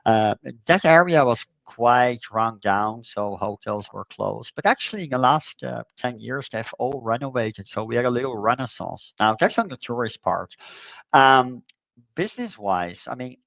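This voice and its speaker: A middle-aged man born in the Netherlands, chatting as an interview guest, with a halting way of talking full of fillers and repeated words. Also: mid-range voice, animated, gravelly, a bit bright, no room sound, highs cut off. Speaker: conference co-organizer, guest. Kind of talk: casual conversational interview.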